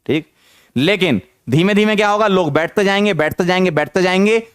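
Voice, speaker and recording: A man teaching chemistry in an online lecture, energetic, firing questions at students and repeating phrases to drive points home. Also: high voice, a little fast, clean tone, no echo, clean studio sound. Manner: mixes English terms into speech.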